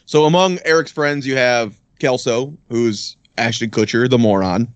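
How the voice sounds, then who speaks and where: A man co-hosting a casual chat, leading the talk with quick questions. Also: mid-range voice, dry recording, highs cut off. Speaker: podcast co-host.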